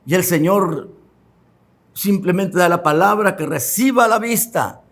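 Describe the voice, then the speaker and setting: Fervent preaching man with a high voice. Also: expressive, fairly bright tone. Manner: fervent preaching, repeats phrases for emphasis; addresses listeners directly and drawls key words slowly. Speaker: pastor. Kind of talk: sermon. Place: church.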